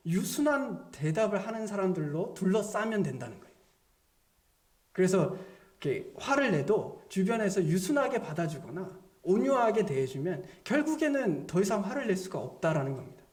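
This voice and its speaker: A man's voice: sits high, normal speed. A male pastor preaching a sermon who acts out imagined self-talk and sometimes drops to near-whispers. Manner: animated, drops to near-whispers when quoting inner dialogue.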